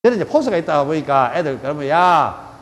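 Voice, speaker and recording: Very animated and fairly quick, a middle-aged man with a fairly high voice and a Gyeongsang Korean accent delivers a laid-back yoga lecture. He fills it with joking stories in crude, blunt language. The room is reverberant with faint ambience and a little hiss or hum.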